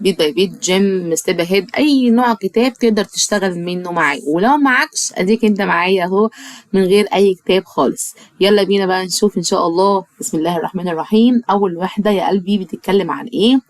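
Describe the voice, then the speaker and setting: A woman with an Egyptian Arabic accent teaching English to young children in an online lesson, speaking affectionately and slowing down to drill words for repetition. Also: medium pitch. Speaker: primary school English teacher.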